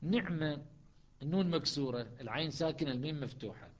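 Brief: man, Quran recitation teacher, slightly high voice, dull lo-fi classroom recording. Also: animated. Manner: explains step by step, breaks into slow chanted recitation. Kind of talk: classroom lesson on Quranic readings.

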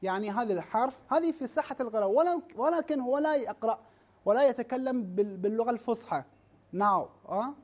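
A teacher giving a classroom lecture, often stopping to ask the class questions and restarting words as he or she lists terms. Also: medium pitch. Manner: asks rhetorical questions and checks in with "ha?"; halting, restarts words, spells out lists slowly.

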